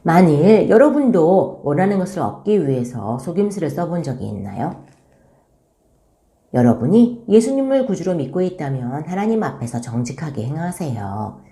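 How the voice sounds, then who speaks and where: Low-voiced woman teaching a children's Bible lesson. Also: big pitch swings, moderate pace. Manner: gentle, addressing children directly. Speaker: church school teacher. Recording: roomy echo.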